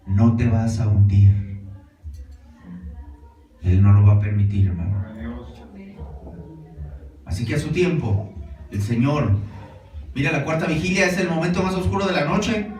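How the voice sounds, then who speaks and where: A high-voiced man preaches to his congregation. He talks in a relaxed, conversational way, asking questions and repeating "brothers." The sound is roomy and distant, with music in the background. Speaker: pastor. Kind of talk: sermon. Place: church hall. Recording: roomy echo, distant mic, music behind.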